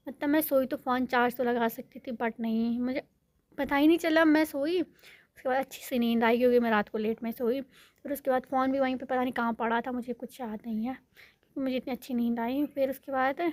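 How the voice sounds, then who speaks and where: Young woman, casual vlog, rambling and self-correcting, slightly high voice, dry close phone sound. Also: steady tone, moderate pace, no echo. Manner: rambling, self-correcting, addresses viewers as guys. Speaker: vlogger. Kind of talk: casual chatty vlog monologue. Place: home in a village.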